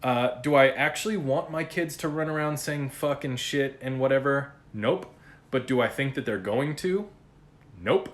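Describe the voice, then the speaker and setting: A man hosting a podcast, talking in a blunt, profane and animated casual monologue about raising his kids. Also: mid-range voice, normal speed. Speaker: podcast host.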